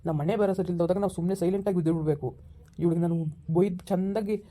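A man playing a father who calms his upset daughter on the phone in an amateur village family drama. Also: high-pitched, quick pace. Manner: soothing, reassuring.

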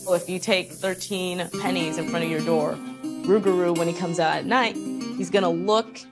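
A woman's voice: fairly low pitch, fairly even intonation, moderate pace. A young adult woman telling stories conversationally in a studio documentary interview. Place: indoor studio. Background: music.

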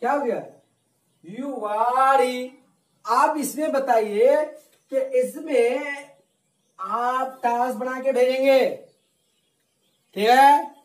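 Slow, echoey male teacher drilling rules. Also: extremely high pitch, a little mellow. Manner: slow, repetitive drilling with call-and-response questions. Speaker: religious studies teacher. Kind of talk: recorded classroom lesson.

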